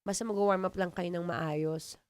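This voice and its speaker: A young woman with a Filipino accent hosts a live radio show in a deep, low-set voice. She banters playfully with her listeners. The studio sound is close and dry. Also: fairly even intonation, normal speed, a little mellow, clean tone, no room sound. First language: Tagalog. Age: 20s. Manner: playful, teasing, laughs often. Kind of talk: live radio chat reading comments.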